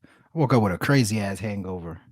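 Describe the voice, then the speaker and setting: A man's voice: fairly low pitch, animated, a little fast, dry recording, studio quality. A man co-hosting a casual comedic podcast, joking in slang and often repeating his phrases. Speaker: podcast co-host.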